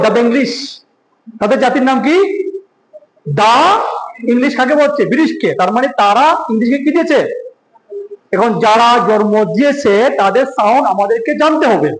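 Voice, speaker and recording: A man's voice: extremely high pitch, echoey room, poor audio. A Bengali-speaking man teaching an English pronunciation lesson, asking the class questions and repeating key points.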